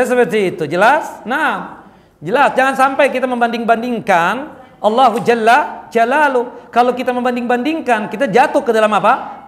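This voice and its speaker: High-voiced man preaching in an echoey mosque. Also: a bit bright. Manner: conversational, asks the audience "jelas?" often. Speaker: Islamic preacher answering questions. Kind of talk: casual sermon with audience Q&A.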